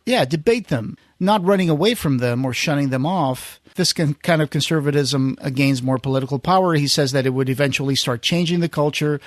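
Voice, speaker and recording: A podcast host with a slightly higher-pitched voice gives a casual conversational recap, talking a little fast with hardly any pauses. He feels his way through sentences, often restarting and rewording them. The recording is very dry, with no room sound.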